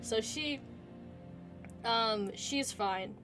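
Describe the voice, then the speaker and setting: A woman's voice: on the high side, drawn-out words, over music. A woman casually improvising a story in a rambling, giggly, playfully mock-earnest way. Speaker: narrator pitching a made-up movie plot.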